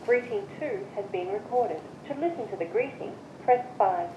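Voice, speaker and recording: A woman's recorded voice reading voicemail system menu prompts in measured, evenly spaced instructions, heard through a phone speaker. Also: medium pitch, lively intonation. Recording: muffled, echoey phone speaker with hiss.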